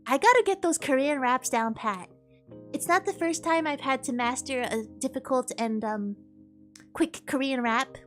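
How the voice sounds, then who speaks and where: A young woman streams and chats casually with her viewers, bubbly and upbeat, slipping in playful bits of singing. Her voice sits high at a moderate pace, with faint music in the background.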